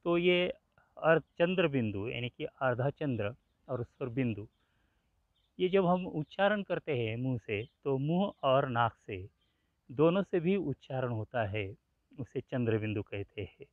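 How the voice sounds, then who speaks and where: A male teacher explains a grammar lesson slowly and patiently, repeating every example and breaking it into letters. His voice comes through a thin, phone-like band. The room adds no echo and sounds dry. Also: mid-range voice, expressive.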